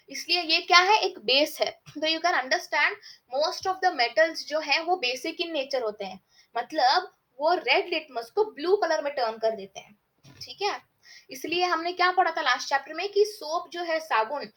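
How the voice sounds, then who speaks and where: A woman teaching a science lesson, reading textbook lines slowly and explaining each step, often asking "okay?" to check along. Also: sits high, sharp tone. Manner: reads English textbook lines slowly, explains fast in Hindi. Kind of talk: online lesson mixing Hindi and English.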